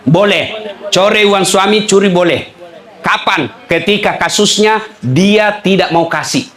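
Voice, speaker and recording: A man's voice: high-pitched, unhurried, fairly bright tone. A man preaching a humorous sermon with a Makassar Indonesian accent, joking and acting out dialogue in changed voices.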